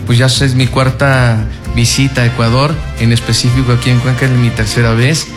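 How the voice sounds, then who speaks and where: Mexican mariachi guy on a radio interview, polite and steady, music in the background. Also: medium pitch, moderate pace. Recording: radio studio with music behind.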